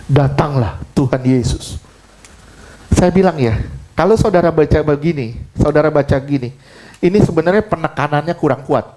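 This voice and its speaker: A man's voice: on the high side, normal speed, darkish tone. A man preaching a sermon in church, emphatic, asking the congregation questions and mixing in casual slang. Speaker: pastor.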